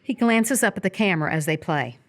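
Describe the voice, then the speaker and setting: A woman narrates a live radio play, reading the scripted stage directions in a measured, descriptive way. Her voice sits at a medium pitch and is expressive.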